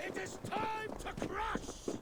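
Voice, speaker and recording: An actor voicing a fierce Norse Viking warrior in a video game, with booming, declamatory war cries. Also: male voice, flat delivery, slow pace. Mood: battle fury. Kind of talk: video game battle acting. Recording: game battle noise behind.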